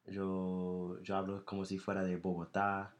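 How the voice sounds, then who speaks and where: A man's voice: low-pitched, completely flat delivery, measured pace. A man whose first language is English, hosting a casual interview in Spanish, often repeating words and restarting as he searches for them. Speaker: host.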